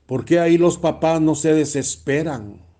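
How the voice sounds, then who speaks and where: A man's voice: a little high, moderate pace, warm tone. A man, a priest preaching a blunt, emphatic sermon and repeating phrases for stress.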